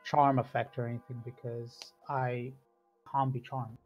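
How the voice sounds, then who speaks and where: A man's voice: mid-range voice, flat delivery, a little slow, highs cut off, soft background music. A man playing a tabletop game, casually moving between describing actions and speaking in character. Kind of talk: casual in-character role-play.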